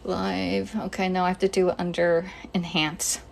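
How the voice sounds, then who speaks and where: A woman's voice: on the low side, flat delivery, moderate pace, creaky, a little hiss or hum. A woman hosting a casual live cooking stream from her home kitchen, chatting and greeting viewers by name, a little out of breath. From Northeast Pennsylvania. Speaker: home cooking livestream host. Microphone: phone camera.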